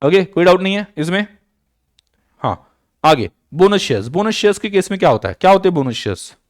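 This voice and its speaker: Man teaching accounting, slow dictated entries. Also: sits high, very animated, no room sound, clean studio sound. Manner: repeats key points, checks understanding with "बराबर?" and "clear?"; mixes English accounting terms into Hindi. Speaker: accounting lecturer. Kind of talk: recorded online lecture.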